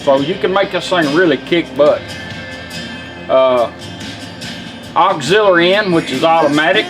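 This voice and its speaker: A radio restorer gives a casual, folksy, hands-on demonstration of a product in a fairly high, unhurried voice. The recording is rough, with music from the car radio he's showing playing behind him.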